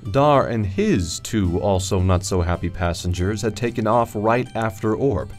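A man playing a calm, decisive space-adventure hero and storyteller in an audio drama, measured and matter-of-fact. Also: fairly low pitch, soft background music, natural voice. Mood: storytelling. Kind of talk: scripted narration and audio drama acting.

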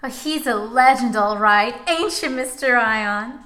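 A woman's voice: on the high side, a little slow, a bit bright. An actress playing an eager, anxious young female temp secretary who fusses over her boss. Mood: fretful. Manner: fretful and fawning.

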